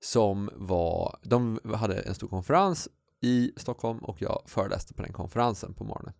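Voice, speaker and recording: Gravelly man, joking podcast co-host. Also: lowish voice, a little mellow, no echo, clean studio sound. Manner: joking, loose and chatty. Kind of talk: casual chat. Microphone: studio podcast mic.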